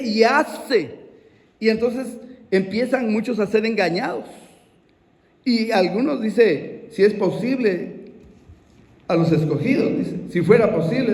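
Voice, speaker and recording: A man preaching a sermon, unhurried, repeating his phrases and calling out to his brothers in the congregation. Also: high-pitched, roomy sound, long reverb tail, low-quality recording.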